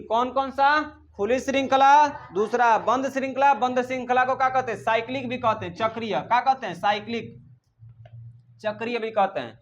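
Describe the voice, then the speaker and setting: High-voiced guy teaching chemistry, keeps asking the class questions and scolds them. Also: a bit bright, highs cut off. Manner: drills students with repeated questions, scolds them.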